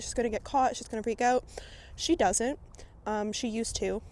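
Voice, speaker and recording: With a medium-pitched, slightly mellow voice, a woman talks through a vlog as she grooms her horse outdoors by a barn. Breathless, she rambles along, leaning heavily on filler words in a relaxed, chatty manner.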